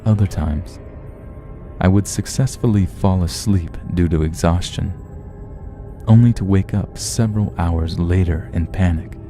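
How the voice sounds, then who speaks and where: Male horror narrator, very dark and low, unhurried and somber, faint music underneath. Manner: slow, measured, somber. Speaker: horror story reader.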